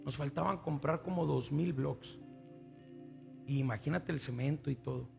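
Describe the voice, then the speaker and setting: A Mexican pastor preaching a sermon, telling stories and acting out dialogue before building to emphatic appeals. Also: male voice, a little high, moderate pace, creaky, over music.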